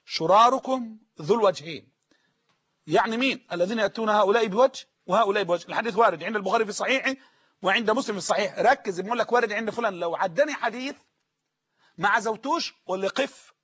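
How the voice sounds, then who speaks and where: A man preaching a sermon-style lesson with an Egyptian Arabic accent, emphatic, slowing down to repeat sayings so listeners can write them down. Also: high-pitched, fairly bright tone, breathy edge, dull audio.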